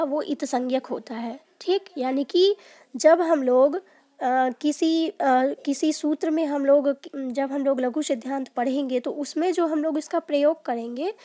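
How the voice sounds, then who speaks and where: High-pitched lady teacher going thru quiz answers, keeps saying ok and um. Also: mellow. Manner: explanatory, often checks in with "ठीक" and fills with "अ". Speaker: Sanskrit teacher. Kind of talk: explaining quiz questions in a lesson.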